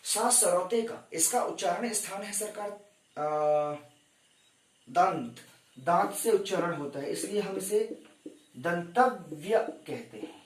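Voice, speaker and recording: A man's voice: high-pitched, lively intonation, takes it slowly, roomy sound, far from the mic. A man teaching an exam-prep grammar lecture, addressing his students respectfully as he explains step by step. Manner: addresses students as "sarkar", counts down for screenshots.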